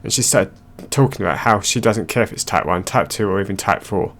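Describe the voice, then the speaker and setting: A man narrating online stories aloud in a plain, steady reading voice. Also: fairly low pitch, fairly quick.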